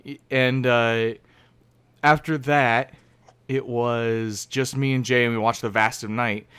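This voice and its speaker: A young man from Oregon in the United States co-hosts a casual podcast chat, speaking slowly and smoothly at a medium pitch with fairly even intonation and a fairly bright tone. He tells rambling stories, interrupting himself and restarting sentences often.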